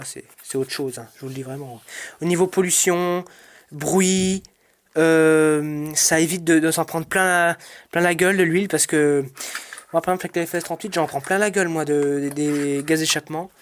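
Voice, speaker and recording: A man's voice: a little high, slight background noise. A man hosting a casual product review vlog, chatty and informal, rambling with frequent hesitations and restarts. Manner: addresses viewers as "guys", frank and informal. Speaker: channel host reviewing his brush cutter.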